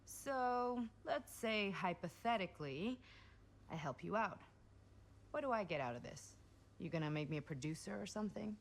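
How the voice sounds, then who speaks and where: A woman's voice: medium pitch, expressive, normal speed, lightly acted. A woman voicing Bonnie, a sarcastic fed-up sister. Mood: dry. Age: young adult. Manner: sarcastic, cursing, blunt. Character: sharp-tongued fed-up adult sister. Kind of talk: video game acting.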